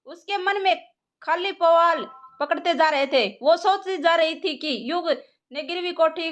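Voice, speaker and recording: A woman narrating a scripted audio drama story in a steady, dramatic way. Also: very high-pitched, a little slow, dull audio.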